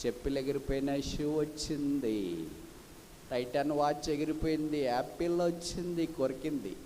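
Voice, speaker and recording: A male preacher delivering a sermon, swinging between loud rhetorical questions and soft low passages, with English phrases mixed in. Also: moderate pace, big-room sound, a little hiss or hum.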